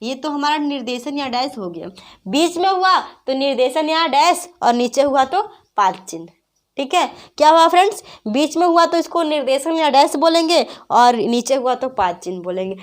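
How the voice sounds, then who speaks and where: A woman's voice: high voice, lively intonation. A woman teaching a grammar lesson, patiently asking her students questions and repeating the answers herself. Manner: repeats questions to students, addresses them as friends; patient, explains slowly with examples. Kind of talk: online class lesson.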